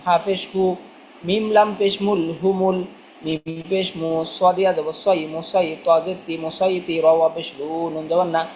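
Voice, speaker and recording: A Quran reading teacher speaks at a middle pitch. The teacher spells each letter out slowly and repeats it again and again, asking a question and then answering it. There is a faint hum of noise behind the voice. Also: level tone, a little mellow, low-quality recording. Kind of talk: spelling-drill lesson.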